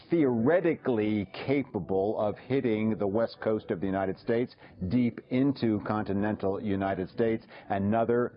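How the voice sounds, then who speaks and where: A male correspondent delivering a measured live news report from the field. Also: lowish voice. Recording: dull lo-fi remote feed.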